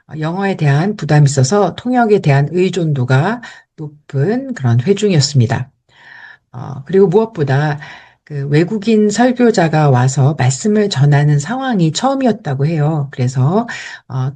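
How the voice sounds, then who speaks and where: A woman who interprets sermons, calmly and carefully explaining how she prepared for interpreting a church service. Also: low voice, husky. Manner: measured and careful, even explaining. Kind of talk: explanatory talk.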